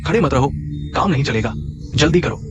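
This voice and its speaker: A man's voice: mid-range voice, animated, brisk, music in the background, natural voice. An actor dubbing a bossy, impatient male protester in a TV drama. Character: pushy, rowdy male protester. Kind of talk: Hindi dub of a TV drama.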